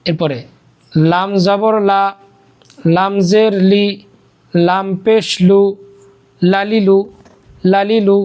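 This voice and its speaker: A teacher leading a Quran reading lesson, chanting letter and vowel drills in a steady rhythm and then briefly explaining how to say them. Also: mid-range voice, slow, long pauses, clean tone. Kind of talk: slow drilled recitation lesson.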